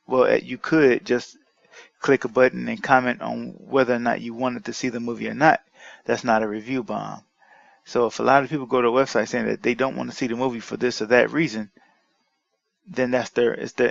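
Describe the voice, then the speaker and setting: A man with a gravelly, fry-laden voice reads an article aloud and rebuts it line by line, indignant and argumentative, often breaking off to restart his sentences. The sound is dry and a little dull, close to the microphone. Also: mid-range voice, no room sound. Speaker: commentary vlogger.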